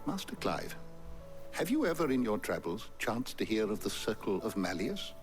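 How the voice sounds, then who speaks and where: Learned old man for a fantasy game: lively pitch movement, formal diction, music underneath. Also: normal speed. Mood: scholarly, eager. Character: elderly, learned, wordy scholar of old lore. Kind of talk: dramatic video game acting. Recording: game music playing behind the voice.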